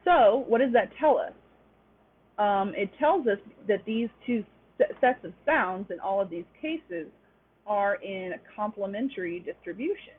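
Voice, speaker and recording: A woman's voice: mid-range voice, lively intonation, a little slow, slightly rough. A young woman teaching a webinar class, explaining step by step with frequent "um" fillers. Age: young adult. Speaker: webinar instructor. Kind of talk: online lecture. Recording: tinny lo-fi webinar audio.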